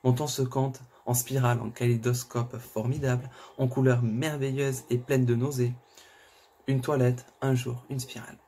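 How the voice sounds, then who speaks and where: Man reading a thriller with dark, mellow tone. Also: mid-range voice, normal speed, husky. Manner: expressive, swings between narration and outbursts. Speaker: reader of a thriller. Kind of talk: dramatic first-person reading.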